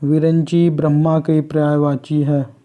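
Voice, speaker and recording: Slow, dark-voiced Hindi quiz teacher. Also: male voice, fairly high pitch, level tone. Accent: Uttarakhand Hindi. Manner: slow, measured, list-like delivery. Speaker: exam prep teacher. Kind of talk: reading out quiz questions and answers.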